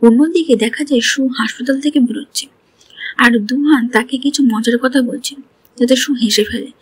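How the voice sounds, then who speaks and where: A woman with a breathy, somewhat high voice walks through a drama's story scene by scene, reading each character's lines in her own voice. She is recorded close to the mic in a dry, quiet room. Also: normal speed, no room sound. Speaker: drama recap narrator.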